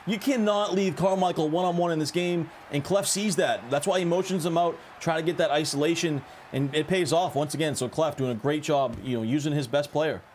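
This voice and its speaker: A man with a slightly higher voice gives live color commentary on a football video game tournament. He picks apart routes and coverages in an analytical way, while a faint hiss sits under the mic. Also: brisk, few pauses. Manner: analytical, breaks down plays.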